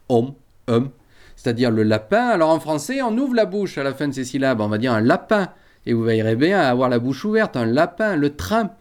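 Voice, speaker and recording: A man presenting a radio column as a lesson, chatty and animated, with frequent fillers and restarts. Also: fairly high pitch. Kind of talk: explanatory radio chronicle.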